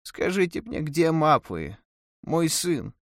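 A man's voice: a little high, sing-song, slow, a bit bright, no room sound, pitched above the performer's own voice, heavily acted. Man reader voicing a mournful, ghostly old mother, lilting and reproachful, with a dry sound.

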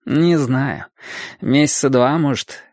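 A man's voice: mid-range voice, takes it slowly, a little mellow, no room sound. Male reader doing a raised, offhand voice for a mocking teen boy, dry close sound. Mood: nonchalant. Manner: shrugging, nonchalant delivery.

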